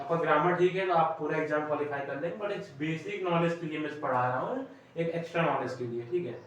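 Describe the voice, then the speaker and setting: A man's voice: fairly high pitch, a bit bright. A man from India teaching a class, explaining step by step and often checking "okay?" with his students. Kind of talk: classroom lesson. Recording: very echoey room, voice from a distance.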